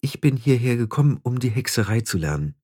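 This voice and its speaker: A man's voice: mid-range voice, lively intonation, moderate pace, a little mellow, breathy edge. A man reading the part of a modest young witch girl who hesitates and hedges. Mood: hesitant. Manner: hesitant, fillers.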